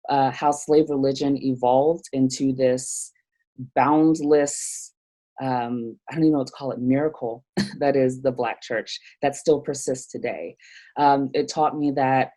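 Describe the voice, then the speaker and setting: In an interview, a Nigerian woman who is a theologian guest talks things through reflectively rather than with polish, pausing often and restarting her thoughts. Her voice is very low, mellow and dark, with a steady tone. She sounds thoughtful and hesitant, full of fillers and restarts.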